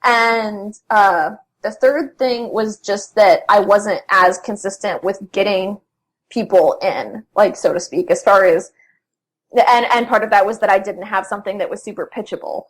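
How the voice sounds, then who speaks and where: A woman's voice: medium pitch, a little slow. A young adult woman being interviewed in a casual chat. She talks in a loose, rambling way full of fillers and self-corrections. Her voice sits in a plain middle range. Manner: chatty, many fillers and restarts. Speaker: interview guest, freelance writer.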